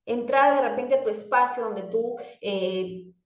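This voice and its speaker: Woman coach, motivational talk, slightly high voice, questions herself by name, echoey room, muffled sound. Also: a little slow. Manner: asks herself questions in her own name, many restarts and fillers. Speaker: life coach.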